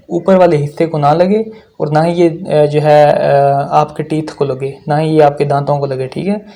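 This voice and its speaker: A man teaching an English grammar lesson in Hindi-Urdu with English phrases, explaining slowly, repeating words and often checking with "theek hai". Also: on the high side, gravelly, dark tone. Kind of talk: recorded lecture.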